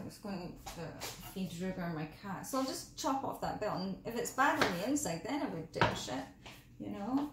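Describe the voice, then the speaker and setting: A woman chatting casually in a cooking vlog in her home kitchen, rambling through asides and talking carefully because of mouth pain. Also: mid-range voice. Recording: echoey kitchen with background noise.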